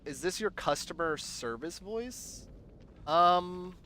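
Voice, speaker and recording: A man's voice: high-pitched, lively intonation, slow, pushed and bright, slight background noise. A young man from Southern Virginia with a loose mix of American accents, chatting casually on a gaming livestream and answering his chat. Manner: rambling, answers chat, trails off. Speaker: gaming streamer. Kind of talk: casual live-stream chat.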